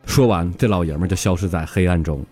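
A man's voice: deep voice, fast talker. A man with a Northeastern Chinese accent telling comic stories in a brash style full of swearing punchlines. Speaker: comedian. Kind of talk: stand-up comedy monologue. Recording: music behind the voice.

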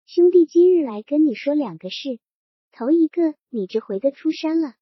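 A woman's voice: high voice, lively intonation, moderate pace, no room sound. A woman reading the part of a scheming male township chief who needles and threatens, in a dull lo-fi recording. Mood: sly, menacing.

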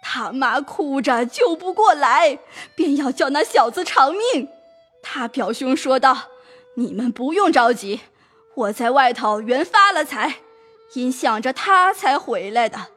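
A humble servant woman, voiced by a woman pleads and recounts a sorrowful tale at length, her voice high. Soft music plays under this audio drama. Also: expressive, a little slow. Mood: pleading. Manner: storytelling, pleading, emotional.

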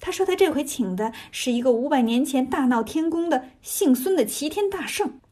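A woman's voice: high voice, animated, moderate pace, dark tone. A brash male monkey hero swaggers through a storybook telling, teasing everyone he meets, voiced by a woman. His manner is cocky and playful.

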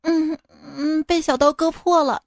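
A woman's voice: sits high, fairly even intonation, measured pace, dry recording, clean studio sound, voice pushed up. A woman voicing a naive, sly little child in a childish pleading tone.

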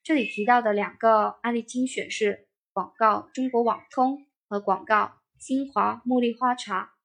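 Higher-voiced woman reading a memoir. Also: steady tone, measured pace, gravelly, a bit bright. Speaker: narrator. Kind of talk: first-person memoir reading.

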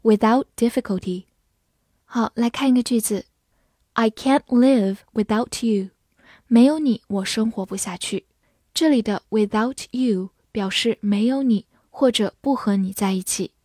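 A woman teaching English vocabulary, spelling each word letter by letter and reading the example sentences slowly and clearly. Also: fairly high pitch, dark tone, no room sound, studio quality. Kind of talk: slow, careful vocabulary lesson.

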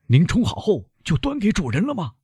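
A man voicing a doctor who fires off quick, pressing questions and orders in an audiobook reading. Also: high-pitched, huge pitch swings, warm tone, slightly rough, no echo, studio quality, voice pushed up, exaggerated voice. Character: urgent male doctor, probing, commanding.

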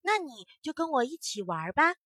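A woman voicing a small, eager, lonely firefly who is searching for friends, calling out high and bright and refusing flatly. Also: normal speed, breathy edge, no room sound, studio quality.

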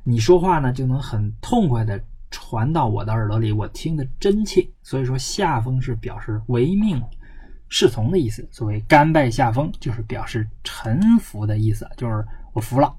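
A man lecturing on a classical text. He reads it slowly, then explains it in plain words, asking himself questions and answering them. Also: mid-range voice, expressive, darkish tone, breathy edge, rough recording. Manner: asks himself questions and answers them, with many drawn-out filler particles. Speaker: lecturer on classical Chinese history.

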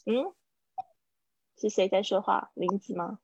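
A woman teaching an English class over a live online call, patiently explaining and repeating example phrases slowly. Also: mid-range voice, gravelly, husky, no echo. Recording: dull lo-fi dry stream audio.

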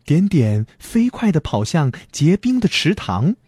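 A man reads a children's picture book aloud, and his voice leaps up and down very expressively. His tone is mellow and a little husky. The recording is close and dry, with no room echo. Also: fairly high pitch, unhurried. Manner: lively, warm storyteller's delivery. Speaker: storyteller. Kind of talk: children's story reading.

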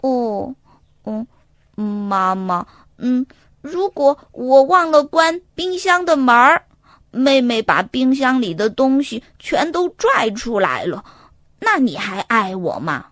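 Storybook bear cub girl, shy and questioning, high and unhurried; a woman acts her out. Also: big pitch swings, fairly bright tone, dry recording, studio quality, heavily acted. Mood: eager, pleading. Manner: childlike, hesitant with many "嗯" fillers. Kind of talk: children's story reading.

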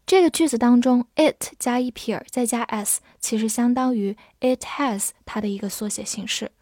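Female English teacher, higher voice, patient and clear, dry close recording. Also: moderate pace, a little mellow, dry recording. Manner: clear, patient, spells words letter by letter. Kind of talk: vocabulary lesson with slow spelled readings.

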